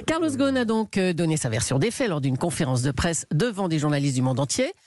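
Une animatrice de radio amusée qui mène l'entretien avec une intonation très vivante. Sa voix est de hauteur moyenne et le son est sec, sans écho. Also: female voice, sits low, brisk, dry recording, studio quality. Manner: amused, lively, laughs often. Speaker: radio host. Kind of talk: comedy segment interview.

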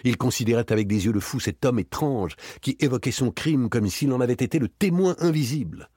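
A man reading a crime story aloud as an audiobook narrator, in a theatrical, expressive way. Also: mid-range voice, fairly quick, husky, dry recording, studio quality. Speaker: audiobook reader.

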